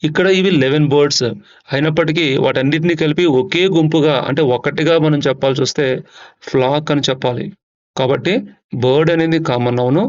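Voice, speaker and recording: A man teaching English vocabulary, reading example sentences slowly and explaining them in a brisker manner. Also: a little high, highs cut off. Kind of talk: vocabulary lesson.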